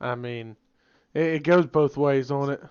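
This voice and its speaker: A young man talks loosely on a podcast, rambling and restarting his sentences. His voice is smooth and of middling pitch. The recording sounds muffled and lo-fi. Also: a little slow. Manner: rambling, restarts sentences, shouts when quoting people. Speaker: podcast co-host. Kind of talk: casual chat.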